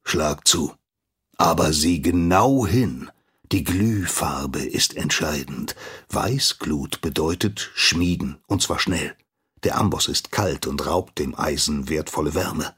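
A man voicing a gruff, grumbling old master blacksmith who scolds and instructs his apprentice in a radio story. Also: a bass voice, slow, fairly bright tone, exaggerated voice. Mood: instructive. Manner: brusque, scolding.

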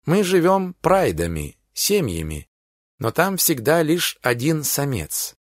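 A man voicing a fierce young werewolf woman warrior, speaking calmly and bluntly with a menacing edge. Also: on the high side, slow pace, dry recording, clean studio sound, full character voice. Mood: cool, blunt. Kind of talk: audiobook character reading.

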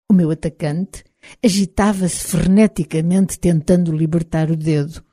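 Female audiobook narrator, European Portuguese accent, low-set warm voice, expressive first-person reading.

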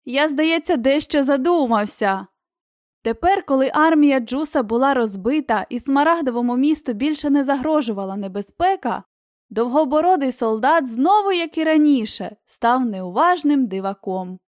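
A woman narrating a fairy-tale audiobook in an even storytelling manner. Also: high-pitched, normal speed, dry recording, studio quality. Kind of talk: scripted narration.

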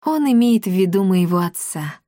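Woman reading as calm worried lady, plain voice, dry close sound. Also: medium pitch, moderate pace, dry recording, lightly acted. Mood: concerned. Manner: calm, concerned. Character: worried thoughtful grown woman.

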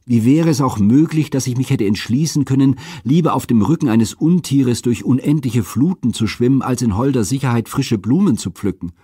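A man reading aloud and voicing a despairing young princess with a high, strained, impassioned lament. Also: normal speed, hardly any pauses, warm tone, husky, no echo, studio quality, natural voice. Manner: impassioned, declamatory.

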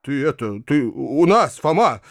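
A man's voice: fairly high pitch, very animated, a little slow, gravelly, no echo, clean studio sound, heavily acted. A man voicing a kindly, flustered middle-aged uncle who stammers and hesitates over his words. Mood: earnest.

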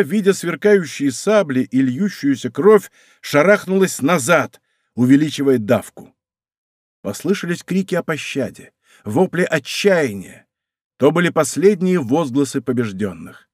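A man narrates a historical adventure audiobook with vivid, dramatic storytelling. His voice sits fairly high and swings widely in pitch. The studio sound is close and dry. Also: dry recording. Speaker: audiobook reader. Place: recording studio.

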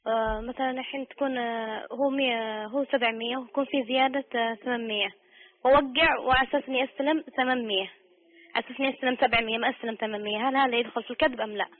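A woman's voice: on the high side, fairly even intonation, rapid-fire. A woman calling in to a radio show, hesitant and repeating herself with many fillers. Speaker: caller. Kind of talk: phoning in a question. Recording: tinny phone line on radio.

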